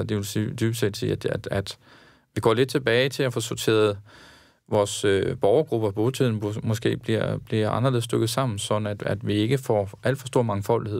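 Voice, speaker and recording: A man who works in social care, speaking in a panel discussion, halting and repeating words as he reasons. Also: lowish voice, creaky, a little mellow, no room sound, studio quality.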